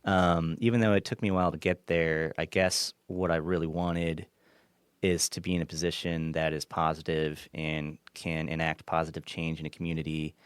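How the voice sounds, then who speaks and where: A man's voice: very deep voice, little pitch movement, moderate pace, clean tone, no room sound. A man from Kansas, a former film assistant director, chatting casually as a podcast guest, restarting sentences, laughing easily and swearing now and then. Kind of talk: casual interview chat.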